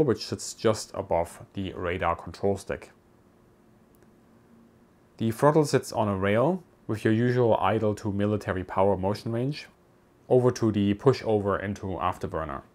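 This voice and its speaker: Low-voiced man narrating a guided tour. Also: a little mellow. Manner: measured, explanatory walkthrough. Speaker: presenter. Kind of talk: scripted documentary narration. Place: voice-over, not recorded in the pictured cockpit.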